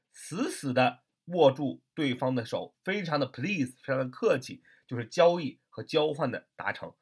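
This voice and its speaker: A man's voice: mid-range voice, breathy edge. A man teaching English vocabulary in a chatty way, spelling words out letter by letter and asking rhetorical questions. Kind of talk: lively vocabulary lesson.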